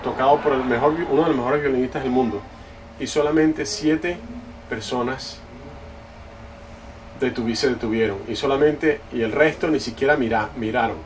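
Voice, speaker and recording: A man preaching in church, with the talk of a conversational storyteller who stops and restarts his phrases. His voice sits in a middle pitch. It is picked up from a distance, with steady noise in the room. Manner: conversational, halting, self-correcting. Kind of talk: sermon with a personal story. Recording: distant mic, noisy room.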